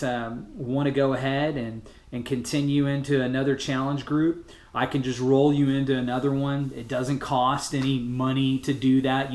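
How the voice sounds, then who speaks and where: A man's voice: medium pitch, a little mellow. A man giving an informal motivational message as a fitness group coach, casual, plain-spoken and encouraging. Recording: roomy, echoing sound.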